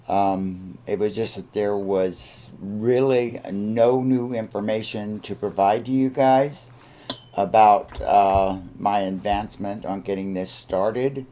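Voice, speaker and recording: Slow, low-voiced man giving a hesitant update. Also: steady tone, mellow, a little hiss or hum. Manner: hesitant, halting delivery with frequent ums and pauses. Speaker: video channel host. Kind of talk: casual, unscripted vlog update.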